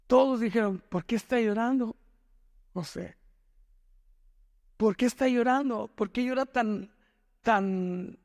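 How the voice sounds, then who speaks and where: A male pastor with a strikingly high voice delivers a dramatic sermon, slowly and deliberately acting out the lines of the figures in his story. The sound fills a large church hall and rings with long reverb. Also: gravelly, a little mellow. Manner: dramatic, acts out the characters' words, slow emphatic delivery. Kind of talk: Father's Day sermon, retelling Bible story.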